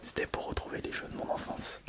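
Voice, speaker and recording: A man whispering an intimate ASMR monologue, very close, as if right in the listener's ear. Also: quick pace. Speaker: ASMR video host.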